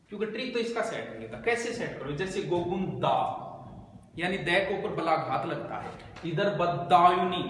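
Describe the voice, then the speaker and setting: A man giving a brisk exam coaching lesson, explaining memory tricks and repeating the key points. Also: a little high, a bit bright. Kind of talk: quick spoken geography lesson with memory tricks. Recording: very echoey, noisy room.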